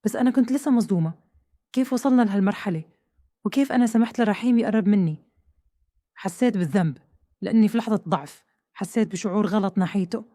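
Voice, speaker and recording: Brief: Hejazi Saudi woman, fast dramatic first-person narration, mellow tone, dry close mic. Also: mid-range voice, no room sound. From Saudi Arabia. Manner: tense, questioning, dramatic.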